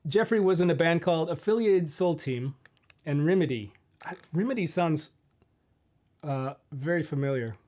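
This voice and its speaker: Casual middle-aged male streamer, somewhat higher voice, rambling and easygoing, close desk mic. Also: normal speed. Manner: relaxed, rambling, answers viewer questions with fillers. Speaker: host of a live guitar Q&A stream. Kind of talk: casual live-stream chat.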